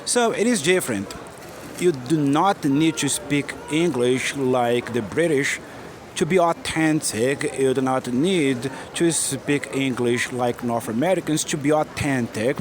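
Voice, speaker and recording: A Brazilian man whose native language is Portuguese teaches an earnest, encouraging English lesson on a busy city street, repeating his key phrases. His medium-pitched voice is unhurried. Traffic and street noise fill the noisy outdoor recording.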